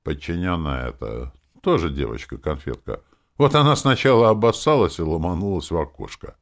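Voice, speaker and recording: A man's voice: deep voice, very animated, normal speed, vocal fry, heavily acted. A man reading an audiobook voices a brash, foul-mouthed female demon who talks in a sly, mocking, swaggering way. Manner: sarcastic, swaggering, swears freely.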